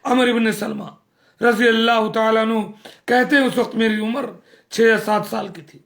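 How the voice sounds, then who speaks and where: A man's voice: very high-pitched, level tone, a bit bright. A man preaching a sermon, earnest and scolding, repeating phrases for emphasis.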